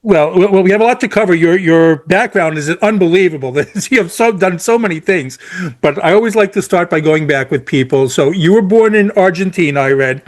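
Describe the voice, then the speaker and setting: Chatty male podcast host, slightly high voice. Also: a little fast. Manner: friendly, laughs often, stumbling restarts. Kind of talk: casual interview.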